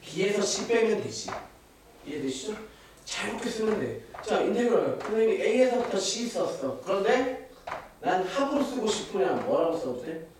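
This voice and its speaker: Lively man teaching math in an echoey room. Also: high-pitched, unhurried. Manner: lively, quizzes students and answers his own questions. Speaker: math tutor. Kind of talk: classroom lecture. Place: classroom. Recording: echoey classroom, distant mic, hiss.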